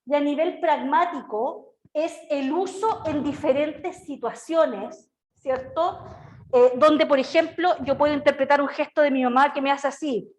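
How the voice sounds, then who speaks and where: A middle-aged Chilean woman gives an online lecture over a video call. Her voice sits high, and she keeps checking in with her listeners as she talks. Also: unhurried. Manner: lively, chatty, asks "¿ya?" and "¿cierto?" often. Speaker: teacher.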